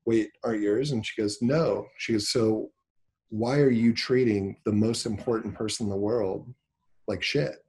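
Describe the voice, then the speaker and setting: This man, who owns a business in Nebraska, USA, shares a personal anecdote in a casual interview at a moderate pace. His fairly low, slightly rough voice brings the story to life as he acts out what people said.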